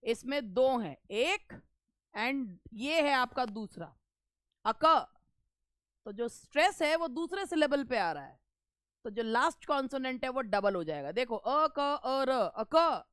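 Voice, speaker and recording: A high-voiced woman teaches an exam-prep grammar lesson. She reads each rule out slowly and deliberately, then explains it. Her voice is smooth and clear on a dry, close mic. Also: sing-song, no echo.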